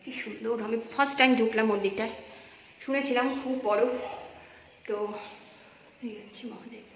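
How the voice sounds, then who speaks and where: A woman's voice: a little high, normal speed. A woman vlogger with a Bengali accent, chatting casually to her viewers as she films around her home and a temple. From India. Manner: chatty, addresses viewers as friends; speaks softly inside the temple. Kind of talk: casual vlog narration. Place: temple and home, partly outdoors. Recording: noisy phone audio with ambient sound.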